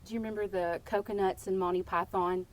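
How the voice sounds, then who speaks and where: A woman tells stories on a podcast. Her middling voice is lively and playful, with a teasing humor running through it. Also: medium pitch, quick pace. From Texas. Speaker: podcast guest. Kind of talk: casual storytelling.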